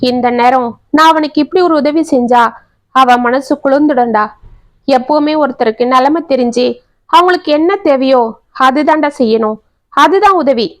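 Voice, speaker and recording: A woman's voice: high voice, moderate pace, lightly acted. A woman voicing a stern older father who lectures his son firmly. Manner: lecturing, insistent.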